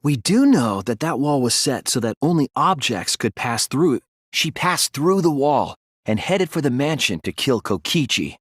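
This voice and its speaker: Focused on explaining his reasoning, an earnest teenage boy detective in an English video game walks through a murder case in a deductive monologue. His voice is breathy and soft-edged at medium pitch, taking big pitch swings as he builds his argument deliberately and with dramatic stress. There's no echo in the very dry recording.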